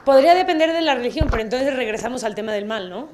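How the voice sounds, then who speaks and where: Brief: woman lecturer with a fairly high voice, lively and playful with the audience. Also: fast talker, noisy background. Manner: lively, asks the audience questions, playful asides. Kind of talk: public talk with audience questions. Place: auditorium.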